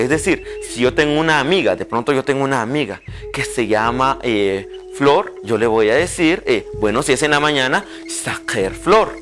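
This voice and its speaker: Animated man teaching pronunciation. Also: on the high side. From Guatemala. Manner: slow, carefully spelled-out pronunciation drills. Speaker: language teacher. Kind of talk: televised language lesson.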